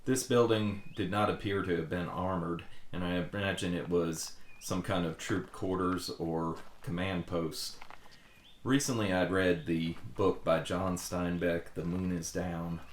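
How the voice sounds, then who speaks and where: Male explorer-narrator, very low voice, earnest and reflective travel narration, roomy echo. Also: fairly even intonation, a little slow. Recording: echoey, reverberant room with audible background noise.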